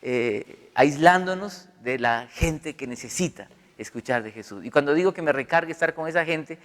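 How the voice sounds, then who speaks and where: Middle-aged male pastor, conversational sermon, slightly high voice, long hall reverb. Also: moderate pace. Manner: conversational, animated storytelling with acted quotes.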